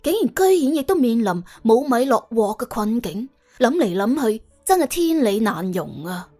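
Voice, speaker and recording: Speaking at normal speed in a fairly high, very animated voice with a dark tone, this woman narrates an audiobook over faint music. Her Cantonese accent, from Hong Kong or Guangdong, colours a dramatic, colloquial, humorous scripted story.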